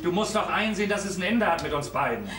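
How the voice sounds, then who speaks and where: An actor playing a harried young sculptor, blunt and exasperated, recorded live on a roomy stage from a distance. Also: male voice, sits high, animated, quick pace. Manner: exasperated, blunt, sometimes shouting. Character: harried young sculptor, man, curt with his ex.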